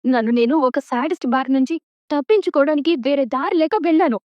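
An actress playing a stubborn young woman who stands up to her family, with sharp, defiant retorts in a TV serial. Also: high voice, fairly quick, no echo, lightly acted. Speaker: daughter defying her family. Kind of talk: TV serial acting. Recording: dull lo-fi dry sound.

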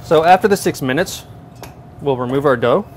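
A slightly high male voice at a moderate pace guides viewers through recipes in a large professional kitchen. The speaker, a chef in his thirties, wears a lapel mic that carries a little hiss or hum, and his cooking demonstration proceeds in steady, orderly steps.

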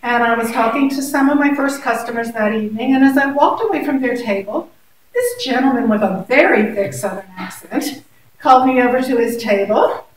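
A woman's voice: a little high, brisk. A woman in her sixties from Pennsylvania, a school program director and church organist, telling her story in an earnest, devout way. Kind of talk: casual interview. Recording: echoey, from far off, faint noise.

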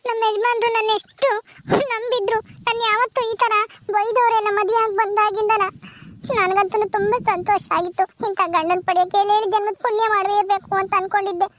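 A woman's voice: very high-pitched, level tone, brisk, dull audio. A woman acting a distraught young village wife who wails and laments in a sobbing voice, speaking. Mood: tearful. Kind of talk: village family drama.

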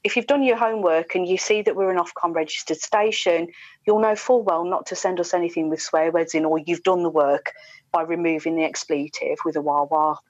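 In a fairly low, fairly even voice and at a slightly fast pace, a British radio presenter in her forties gives a candid conversational interview over a video call from her home. Using a wired earphone headset, she's chatty and emphatic, throwing in mimicked asides. No echo, highs cut off.

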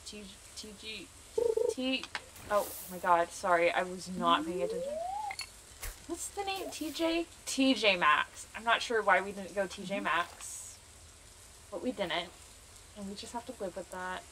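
A woman's voice: medium pitch, animated, a little slow, bright, forceful tone, a little hiss or hum, poor audio. A woman streamer chatting to herself while she plays a game, playful and self-mocking. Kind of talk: casual gameplay commentary.

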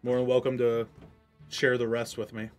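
A man's voice: mid-range voice, completely flat delivery, moderate pace, soft background music, lightly acted. A man voicing a squat, armored dwarf man who is a hearty and welcoming traveler in a tabletop game. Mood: hospitable.

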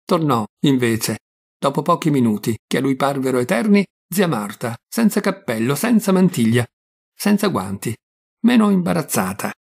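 An Italian man reading a literary short story aloud in a measured, expressive way, with a husky, gravelly voice. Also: mid-range voice. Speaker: audiobook reader.

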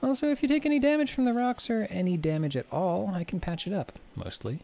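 A man doing a brisk, high-voiced woman shipwright. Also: animated, vocal fry, darkish tone.

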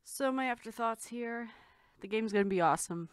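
A woman hosting a reaction video, talking casually and excitedly and swearing freely. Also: on the high side, moderate pace, no echo, clean studio sound. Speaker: host.

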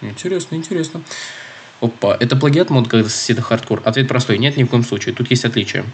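A young man hosting a gaming video talks fast in a mid-range voice that's nasal and stuffy from a cold. He rambles chattily through the game, reads its text aloud, and corrects himself along the way, with a little hiss or hum in the recording.

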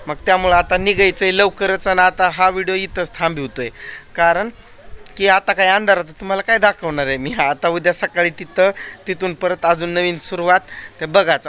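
A man's voice: high-pitched, sharp tone, slight background noise. A man, chatting casually to viewers in a daily village vlog, filming on his phone. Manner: chatty, addresses viewers directly. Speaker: vlogger.

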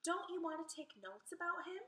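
A woman reading aloud and voicing an excitable, fearless young girl in a storybook. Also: very high-pitched, moderate pace, roomy sound, pitched above the performer's own voice, heavily acted. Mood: eager.

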